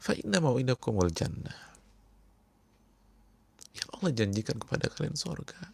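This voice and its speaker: A man preaching a sermon to a congregation, speaking emphatically and repeating key words, often dropping to hushed tones. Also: mid-range voice, big pitch swings, moderate pace, gravelly, a little hiss or hum. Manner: addresses the congregation directly. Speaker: Islamic preacher.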